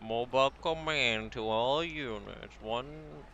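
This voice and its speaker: A man voicing a police commander who gives a slow, measured briefing over the radio. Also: medium pitch, sharp tone, highs cut off, a little hiss or hum. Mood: official.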